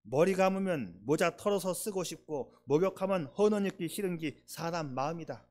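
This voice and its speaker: A man's voice: on the high side, expressive, normal speed, darkish tone, natural voice. A man reading aloud the homely advice of a plain-spoken mother, in a Gyeongsang dialect. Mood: homespun.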